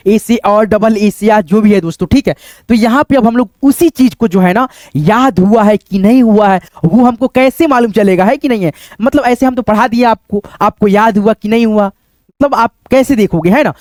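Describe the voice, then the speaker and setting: A man with a fairly high voice gives a beginners' lesson, repeating each point and calling his viewers friends. He slows down to sound letters out one by one. His voice is close and dry, with no room echo. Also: darkish tone. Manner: addresses viewers as friends, repetitive and drilling. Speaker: English teacher. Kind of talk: online lesson explaining letters.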